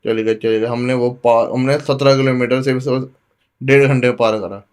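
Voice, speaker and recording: A young man from Delhi speaks as a podcast guest in a mid-pitched voice. He tells his story casually and with plenty of animation. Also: normal speed, clean tone. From Delhi, India. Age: young adult. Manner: animated, acts out quoted dialogue with lively shifts.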